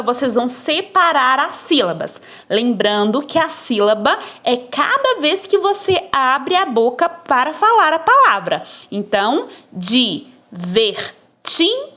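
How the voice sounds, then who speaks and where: A woman teacher, explaining textbook exercises to children in a slow, patient way, recorded on a phone. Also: high voice, pushed and bright.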